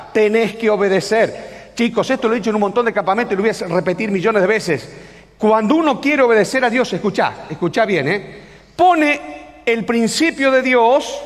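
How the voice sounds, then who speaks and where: A middle-aged man with an Argentine accent preaching a sermon to young people at a camp, animated and acting out dialogues, swinging between loud emphasis and hushed asides. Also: high-pitched. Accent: Argentine Spanish. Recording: long hall reverb.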